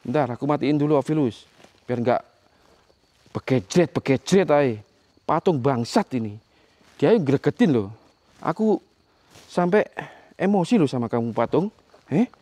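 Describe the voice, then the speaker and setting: A man, angrily taunting spirits while filming a ghost-hunting vlog. His voice is husky and sits a bit high, swinging widely in pitch as he curses and goads them. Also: expressive, normal speed, pauses often, warm tone. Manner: angry, taunting, swearing at spirits. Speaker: paranormal explorer vlogger. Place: abandoned village outdoors.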